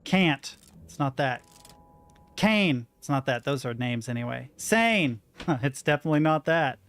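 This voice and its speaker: Mid-range and a bit bright, this young gaming streamer's voice has lively intonation and a slightly slow pace. He thinks aloud and mutters while playing a video game, doing let's play commentary from a room at home with a window and a rattling door.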